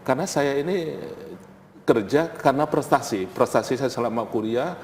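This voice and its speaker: A man's voice: medium pitch, moderate pace, a little mellow. A middle-aged man telling informal anecdotes as an interview guest, repeating phrases for emphasis. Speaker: interview guest, college head. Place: TV studio. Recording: reverberant hall, faint background noise.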